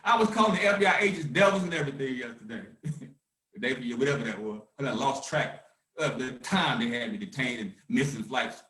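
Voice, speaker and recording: A man hosting a conference call, talking with fire and swinging from shouting to hushed calm. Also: medium pitch, a little fast, far from the mic. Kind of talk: impassioned activist talk. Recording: roomy echo.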